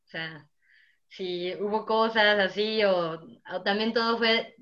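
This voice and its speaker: A woman's voice: mid-range voice, takes it slowly, a bit bright, highs cut off. A young Mexican woman with a Mexican accent, hosting a casual chat and telling stories animatedly, acting out her own past words. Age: young adult.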